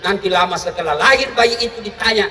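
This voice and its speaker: A male preacher with a high, bright, forceful voice gives a joking sermon and keeps firing questions at his listeners. He sounds far from the mic, with long echoey reverb from a large hall. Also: fast talker, slight background noise. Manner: lively, joking, quizzes the listeners directly. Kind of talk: humorous sermon.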